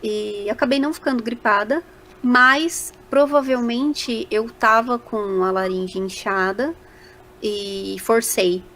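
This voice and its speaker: A Brazilian woman, a voice actor appearing as a podcast interview guest, tells stories animatedly and acts out little quoted remarks in a casual way. Her voice is a little high and fairly bright, steady in tone, and slow.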